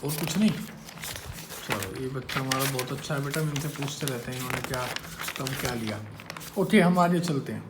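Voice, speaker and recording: A man's voice: medium pitch, normal speed, background noise. Man teaching maths in a classroom. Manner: teasing, quizzes students with questions. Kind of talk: classroom lecture. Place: classroom with students.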